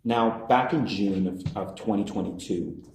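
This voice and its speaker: A man questioning a witness as prosecutor, asking formal, measured questions with small restarts, heard in a courtroom recording. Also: lowish voice, darkish tone. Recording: courtroom recording, echoey, faint hiss.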